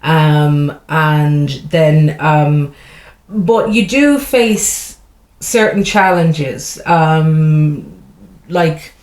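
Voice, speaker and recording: Very slowly and with animation, an Irish comedian guest speaks in a deep, darkish voice during a casual interview. Frank and chatty, she drops laughing asides, and the room echoes noticeably.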